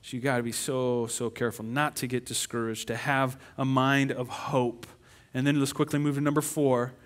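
Speaking in a mid-range voice at a moderate pace, this middle-aged pastor delivers a lively sermon, mimicking complaints with exaggerated whiny voices.

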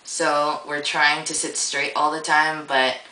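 A woman's voice: low-pitched, little pitch movement, takes it slowly, bright, forceful tone, echoey room, recorded from a distance, low-quality recording. A young woman vlogging in a rambling, casual way, full of fillers and easy swearing, with a groggy morning voice. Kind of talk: casual vlog monologue.

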